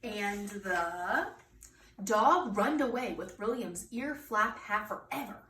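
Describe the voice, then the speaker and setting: This children's story reader, a woman of medium pitch, takes her time and sounds expressive and a bit bright, stressing words for the young listeners she addresses. Her voice echoes in the room, captured from afar with faint noise.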